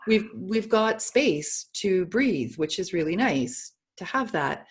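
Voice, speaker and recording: A woman with a fairly low voice chats casually on a video call. She is middle-aged, agreeable and laughs often, keeping the talk flowing. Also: animated, takes it slowly. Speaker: co-host of essential oils show.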